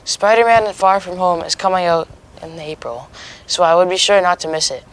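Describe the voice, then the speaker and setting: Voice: medium pitch, moderate pace, rough recording. A young adult reading scripted news as co-anchor of a student mock newscast.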